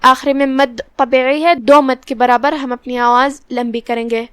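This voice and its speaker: High clear woman teaching recitation. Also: fairly even intonation, fairly bright tone, no room sound, clean studio sound. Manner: explains each letter step by step, then recites drawn out. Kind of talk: tajweed lesson with slow recitation.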